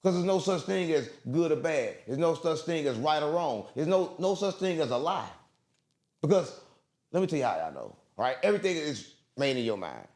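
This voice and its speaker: Speaking at a normal speed, this interview guest has a somewhat high, darkish voice and is extremely animated. He rambles through a conspiratorial monologue, emphatic and profane, leaning on street slang and saying the same things over and over.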